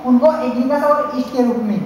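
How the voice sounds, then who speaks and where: A woman's voice: high voice, fairly quick, a little mellow. North indian woman teaching science, lots of fillers, long reverb, faint hiss. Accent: Hindi-speaking North Indian. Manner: repetitive, filler-heavy explaining with frequent restarts. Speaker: college teacher. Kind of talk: classroom science lecture. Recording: very echoey hall, faint hiss.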